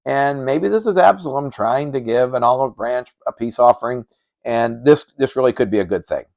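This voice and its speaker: Male pastor, mid pitch, gravelly; plain-spoken folksy sermon delivery. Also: normal speed, darkish tone. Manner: folksy, plain-spoken preaching with frequent restarts.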